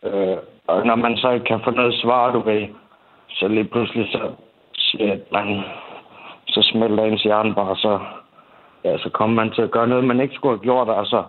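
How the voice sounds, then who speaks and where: Halting young man on a tinny line. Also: on the low side, fairly even intonation. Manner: halting, swears, many restarts and fillers. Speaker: interviewee. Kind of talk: candid interview about family conflict. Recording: tinny phone-like sound.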